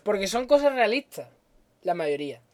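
A woman with a Spain Spanish accent in casual chat, animated and sarcastic, swearing often as she rants. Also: mid-range voice, moderate pace.

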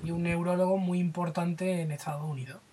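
A podcast host with a Spanish accent, retelling a comic story in an animated way, with lots of swearing. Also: medium pitch, a little fast, husky. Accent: Spain. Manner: animated, profane, retelling stories with voices. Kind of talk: casual storytelling chat.

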